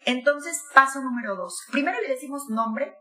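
A woman in her sixties giving conversational advice as a guest, animated, acting out quoted voices. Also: sits high, moderate pace. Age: 60s. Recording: echoey room.

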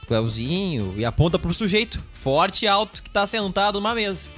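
A man, a radio co-host telling a joke with lively storytelling. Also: high voice, moderate pace, faint music behind. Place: radio studio.

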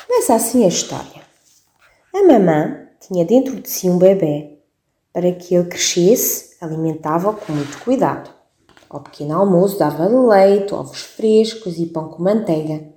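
A woman storyteller reading a children's story aloud on the radio in a lively, expressive way. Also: lowish voice, moderate pace. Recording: roomy echo.

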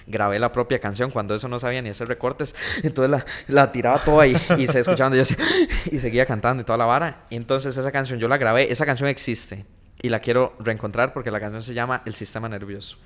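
Fast-talking Costa Rican man. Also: mid-range voice. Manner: joking, slangy, animated. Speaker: guest, content creator. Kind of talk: casual podcast chat.

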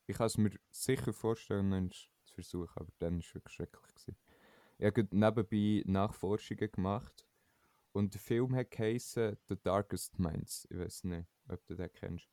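Deep-voiced young man. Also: creaky, mellow, dry recording. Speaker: podcast co-host. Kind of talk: casual chat.

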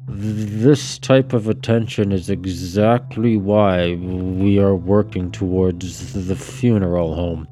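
A man voicing a guarded, grim young man who speaks quietly and flatly. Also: low voice, slow pace, hardly any pauses, soft background music.

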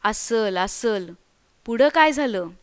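A woman's voice: medium pitch, fairly even intonation, very slow, clean tone, pitched below the performer's own voice. A woman voicing an easygoing male guest who keeps laughing, as part of a storybook reading. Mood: amused. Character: amused, unshaken male guest.

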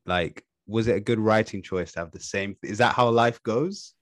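A man's voice: fairly low pitch, moderate pace, no room sound, studio quality. A man chatting casually as a podcast host, informal and questioning. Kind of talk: casual chat.

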